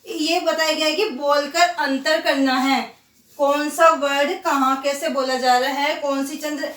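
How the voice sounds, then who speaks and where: A woman teacher with a high voice gives a grammar lesson to young pupils. She speaks slowly, drawing out each example word and putting questions she answers herself. She sounds set back from the mic in a room with a clear echo. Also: fairly even intonation, fairly bright tone, recorded from a distance. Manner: slow, drawn-out repetition of example words. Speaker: school teacher. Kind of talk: Hindi grammar lesson for children.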